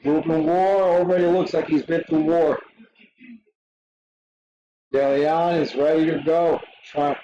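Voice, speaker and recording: A man hosting a live stream, reacting to a fight in short, excitable bursts and swearing freely. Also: fairly high pitch, lo-fi sound. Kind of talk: casual live watch-along commentary.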